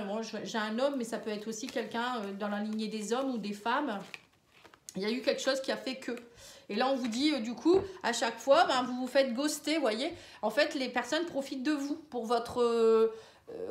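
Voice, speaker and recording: A woman's voice: fairly high pitch, reverberant. A woman giving a casual spoken tarot and horoscope reading, talking straight to the viewer, hesitant and full of fillers. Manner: speaks directly and familiarly to the viewer. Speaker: astrology and tarot reader.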